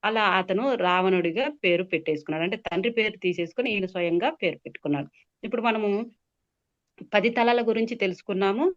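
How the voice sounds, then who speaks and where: A woman telling a devotional epic story, explaining words as she goes and pausing with many fillers. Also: medium pitch. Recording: dull lo-fi sound.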